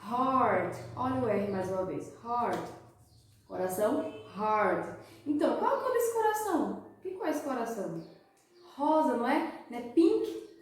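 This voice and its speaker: A woman's voice: high voice, very animated, a little mellow, slight background noise. Brazilian woman teaching, echoey room. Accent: Brazilian Portuguese. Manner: slow, exaggerated pronunciation of English words; asks and answers her own questions to the viewers. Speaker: English teacher. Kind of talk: children's language lesson. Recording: echoey room, far from the mic.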